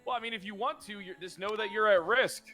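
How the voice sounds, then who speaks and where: A man's voice: sits high, fast, pushed and bright, faint music behind. A man playing a police officer in a roleplay game, talking hesitantly with many fillers and restarts. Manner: hesitant, stammering, filler-heavy talk. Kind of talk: casual in-character roleplay chat.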